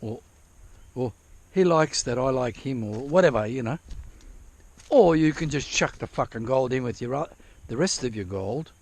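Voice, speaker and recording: A man's voice: medium pitch, lively intonation, moderate pace, pauses often, a little mellow. A man with an Australian accent chatting casually to his viewers, rambling, repeating himself and swearing freely. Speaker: vlogger. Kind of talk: casual rambling chat to camera.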